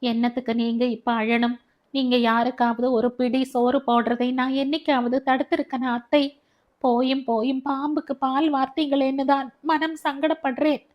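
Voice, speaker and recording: A woman voicing an indignant young woman, sharp-tongued. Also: fairly high pitch, fairly even intonation, moderate pace, dull audio, close to an everyday voice. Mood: scornful. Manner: scornful, pointed questioning.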